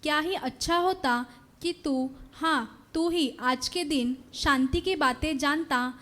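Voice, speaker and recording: A woman from the congregation reading Bible verses aloud during a church service. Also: sits high. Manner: slow and even reading. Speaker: congregation member reading scripture.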